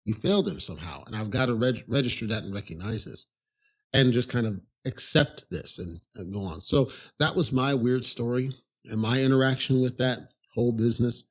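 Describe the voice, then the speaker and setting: A man's voice: medium pitch, a little fast, slightly rough. A man hosting a podcast, telling a personal story in a casual, rambling monologue full of "you know" asides. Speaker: podcast host.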